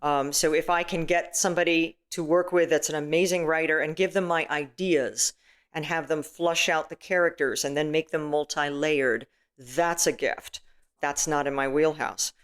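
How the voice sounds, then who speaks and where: A middle-aged woman, a filmmaker and actress, speaks as an interview guest in a booming voice shaped by stage training. She chats casually at a normal speed with a steady tone, full of "you know"s and restarts.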